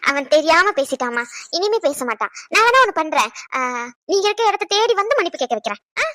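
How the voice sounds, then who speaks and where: A man voicing an anxious young man in a cartoon who tries to smooth things over, talking in a pleading, fretful way. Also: extremely high pitch, big pitch swings, fast, bright, forceful tone, no echo, exaggerated voice. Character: anxious young man, peacemaker, easily flustered. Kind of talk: cartoon voice acting.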